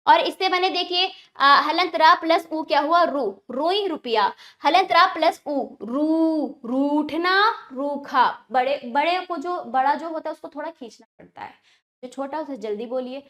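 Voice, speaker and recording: High-voiced woman teaching children. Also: a bit bright. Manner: slow, careful, repeats sounds for children. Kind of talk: children's grammar lesson.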